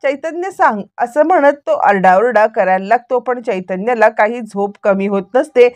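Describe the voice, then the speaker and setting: A woman narrates a television serial episode as a story recap, moving along in a lively, running flow. Her voice sits on the higher side. The recording is dry and close, with no room sound. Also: moderate pace, no echo.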